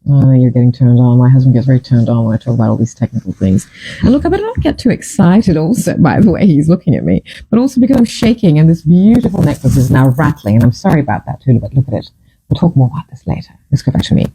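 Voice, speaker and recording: A Fijian woman in her fifties hosts a casual chat, telling her stories in a chatty, dramatic, self-mocking way. Her voice is deep, warm, and husky, and the recording is rough.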